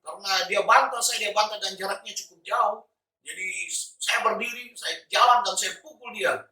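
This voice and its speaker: A man's voice: sits high, normal speed, sharp tone. A man sharing a personal religious testimony, in an earnest manner with fillers and restarts. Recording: echoey room, distant mic.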